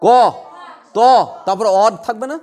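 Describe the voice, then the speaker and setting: A man teaching a class, drilling students with quick repeated questions. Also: high voice, a little mellow. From West Bengal. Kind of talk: classroom lecture.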